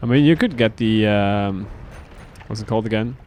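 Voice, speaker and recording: A man's voice: lowish voice, moderate pace, a little hiss or hum. A man from Finland, streaming a game and chatting casually with his viewers as he plays. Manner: relaxed, answers chat as he plays. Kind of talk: casual gameplay commentary.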